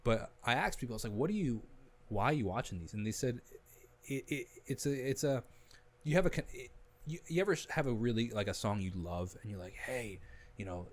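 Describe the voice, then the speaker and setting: A young man, a musician guest on a podcast, telling his story in a casual, animated way with frequent restarts. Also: medium pitch, fairly quick. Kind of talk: casual conversation.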